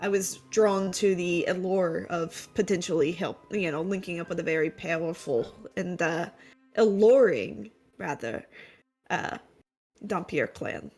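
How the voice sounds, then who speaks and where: A woman's voice: on the low side, moderate pace, darkish tone, faint music behind. A woman playing a tabletop game, explaining her character in a hesitant, rambling way. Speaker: player. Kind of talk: casual tabletop chat.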